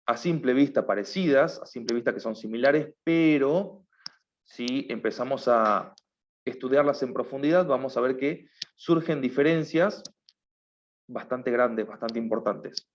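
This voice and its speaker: A man's voice: mid-range voice, a little slow, dull audio. A man teaching a class, explaining patiently and often stopping to check that his students follow. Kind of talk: online class lecture.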